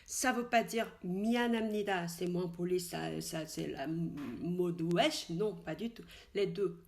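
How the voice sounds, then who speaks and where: A woman teaches in French with frequent fillers and restarts. She slowly repeats each expression several times so it can be copied. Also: lowish voice, vocal fry, a little mellow. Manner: slow, repeated model pronunciations of Korean words. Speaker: Korean language teacher. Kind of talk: casual spoken language lesson.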